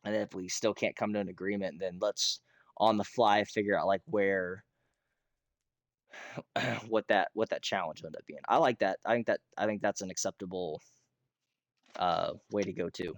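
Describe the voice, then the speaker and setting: A hoarse American man with a fairly low voice talks casually as he streams a game. He rambles and clears his throat often, sounding rough in the throat. The sound is close and dry. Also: fairly even intonation, moderate pace, pauses often, no echo. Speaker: streamer hosting a Minecraft realm. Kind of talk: casual livestream chat while gaming.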